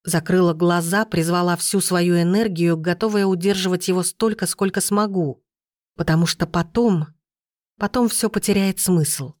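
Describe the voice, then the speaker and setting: Low-voiced woman narrating an audiobook. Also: moderate pace, a little mellow, no echo, studio quality. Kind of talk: scripted first-person fantasy narration.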